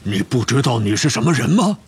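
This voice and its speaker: A man playing a huge half-giant groundskeeper with a gravelly, raspy voice that swings wildly from low grumbles to booming roars. He is hot-tempered and blustering, a storybook giant through and through. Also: very animated, a little fast, heavily acted. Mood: indignant. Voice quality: gravelly, rough. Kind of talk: audiobook character reading.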